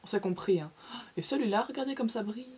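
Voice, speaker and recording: A woman's voice: mid-range voice, expressive, fast talker, background noise. A young woman vlogger in a casual haul video, chatty and gushing, with playful asides to her viewers. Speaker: beauty vlogger.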